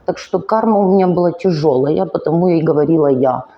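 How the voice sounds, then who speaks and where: In a low voice over lo-fi sound, a Ukrainian woman in her forties confesses her life story to her vlog audience. Exhaustion makes speaking hard for her; the delivery is earnest and emotional, coming slowly and haltingly.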